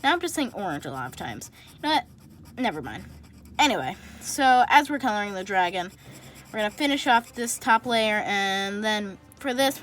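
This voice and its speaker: A woman talks her way through a casual drawing tutorial, rambling and correcting herself as she colors. Her pitch jumps around in lively swings. Faint music plays softly behind her. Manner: self-correcting, thinks out loud. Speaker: drawing channel host.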